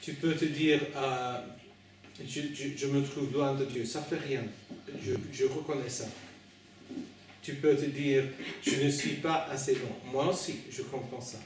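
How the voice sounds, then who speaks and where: Slow, echoey male preacher with foreign-accented French. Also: medium pitch, steady tone. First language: not French. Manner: halting and hesitant, repeats and corrects words, pastoral direct address. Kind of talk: informal sermon at an evening meeting. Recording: very echoey room, distant mic, faint noise.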